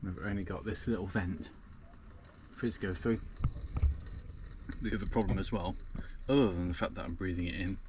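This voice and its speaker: A man's voice: sits low, fairly even intonation, brisk, background noise. A man chatting casually to camera from inside a small parked van, rambling with lots of ums. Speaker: van-life vlogger.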